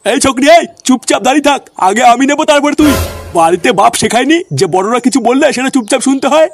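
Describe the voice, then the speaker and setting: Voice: high voice, lively intonation, fast talker, soft background music. Someone doing a crude bullying cartoon tough. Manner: shouting, coarse, threatening. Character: bullying crude grown man, hot-tempered neighborhood tough. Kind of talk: comedy cartoon voice acting.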